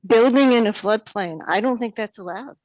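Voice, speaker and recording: A woman with a New York accent giving public comment at a township meeting, halting with many fillers and restarts. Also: on the high side, darkish tone, no room sound.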